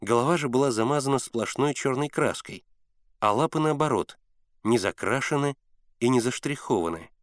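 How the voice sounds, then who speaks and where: A man narrating an audiobook with expressive, animated delivery, his pitch moving widely at a middle register. The recording is close and dry. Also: normal speed, no echo. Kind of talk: audiobook reading.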